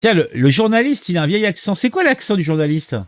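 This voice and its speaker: A man's voice: high voice, sing-song, quick pace, no echo, clean studio sound. A man giving casual reaction commentary, sarcastic and mocking, hesitating with many fillers. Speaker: political commentary youtuber.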